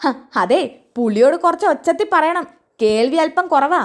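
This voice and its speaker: A woman's voice: sits high, lively intonation, moderate pace, pitched above the performer's own voice. A woman voicing a talkative village man who reads the newspaper and explains things to strangers. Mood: helpful.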